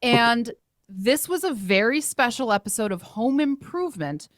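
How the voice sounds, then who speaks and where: A woman in her thirties, a filmmaker guest in casual chat, talking in animated, laughing bursts. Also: fairly high pitch, moderate pace, no room sound, clean studio sound.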